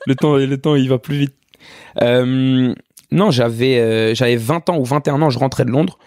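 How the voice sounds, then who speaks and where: A man in his twenties, a podcast guest from France, talking relaxed and reflective in casual conversation, often checking in with "you see". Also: medium pitch, normal speed, no echo, clean studio sound. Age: 20s. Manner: relaxed, many restarts and "tu vois".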